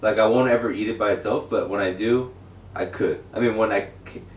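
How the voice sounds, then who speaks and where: This man speaks a little fast in a fairly low voice while co-hosting a podcast, keeping the chat loose with jokes, tangents and easy laughter. He's recording in a home studio room where the echo, distant mic and background noise are all audible.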